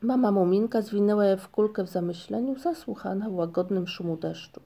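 A woman reads a children's storybook aloud in a calm, measured way. Her voice is gravelly and very dark, mellow in tone. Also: mid-range voice. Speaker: audiobook narrator.

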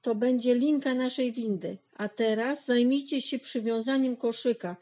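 A woman's voice: a little high, moderate pace, mellow, natural voice, rough recording. A woman voicing an eager, friendly young male dog who leads the farm animals in a storybook reading. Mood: eager, bossy.

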